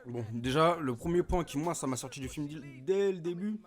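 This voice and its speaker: A man's voice: fairly high pitch, expressive, fairly quick, faint music behind. A young man giving a casual, comedic film review, full of street slang, swearing and rambling hesitations, recorded at home into a desk mic. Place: at home, recording with streaming software. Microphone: desk microphone.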